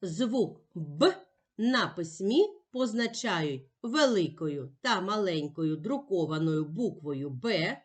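A female primary school teacher with a fairly low voice gives slow, clear instruction to young children, described as slow and sing-song. She is patient and emphatic, spelling out sounds one at a time.

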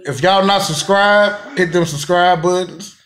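A man's voice: sits high, measured pace, a bit bright. A man hosting a family vlog, trading laughing, profane, mock-threatening banter with relatives. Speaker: vlog host. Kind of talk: rowdy comedic family vlog.

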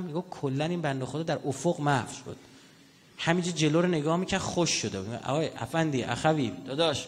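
A man giving a public religious lecture, telling stories in an animated way and putting questions to the audience. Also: on the high side. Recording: echoey hall reverb.

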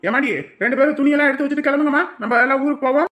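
A woman playing a dutiful village man, firm, reassuring and quick to anger. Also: sits high, steady tone, a bit bright. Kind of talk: village drama acting.

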